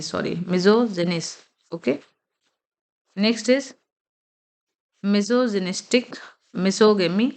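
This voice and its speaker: A woman teaching vocabulary at a patient, unhurried pace. She pronounces English words one by one and repeats them. She keeps checking that the listener is following. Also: medium pitch. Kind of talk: vocabulary lesson.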